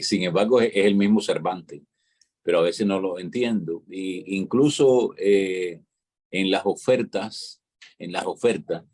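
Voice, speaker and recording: A low, husky man's voice with a Cuban accent, talking like a teacher. He explains things at length in a casual show conversation and keeps checking that the listener follows. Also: a little mellow. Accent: Cuban Spanish. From Cuba. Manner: lecturing, explanatory, peppers talk with "¿entiendes?".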